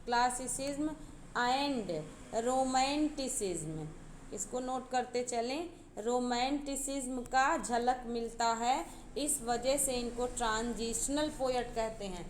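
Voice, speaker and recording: A woman's voice: on the high side, takes it slowly, reverberant, a little hiss or hum. A woman teacher giving an exam-prep literature lecture, explaining step by step and repeating key terms.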